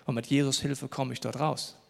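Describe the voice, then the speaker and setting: A man's voice: mid-range voice, flat delivery, normal speed, gravelly, big-room sound. A man preaching a sermon, telling the story earnestly and acting out what the disciples might say.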